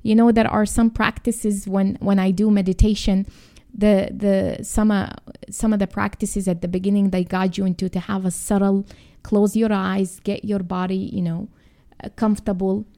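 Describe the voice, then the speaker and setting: Speaking at a medium pitch, a woman who hosts a podcast and works as a coach gently leads a calm mindfulness and grounding exercise. Her delivery is halting and instructive.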